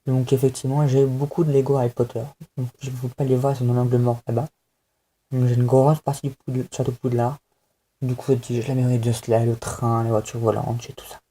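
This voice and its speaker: A man's voice: medium pitch, level tone, brisk, dark tone, breathy edge. A young man chatting casually to camera at home, hesitant and self-mocking, with many fillers. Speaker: vlogger answering a fan tag. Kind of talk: casual chat.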